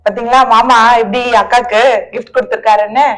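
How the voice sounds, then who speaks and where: A young woman acting in a comedy sketch, lively and sometimes sharply scolding. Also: a little high, quick pace. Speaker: comic sketch actor. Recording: echoey room.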